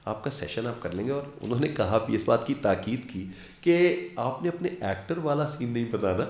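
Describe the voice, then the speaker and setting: A man in his fifties, an actor and lecturer, telling stories as an interview guest and acting out quoted dialogue. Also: mid-range voice. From Pakistan. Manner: animated storyteller who acts out quoted dialogue. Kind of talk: casual interview storytelling. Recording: roomy studio echo.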